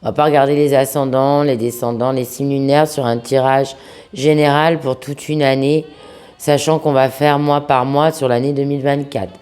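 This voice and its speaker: Woman doing a chatty tarot reading, low mellow voice, sounds under the weather, bit halting. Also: flat delivery. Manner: affectionate, familiar address to viewers. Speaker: tarot reader, host of a video channel. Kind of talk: informal tarot guidance monologue to viewers.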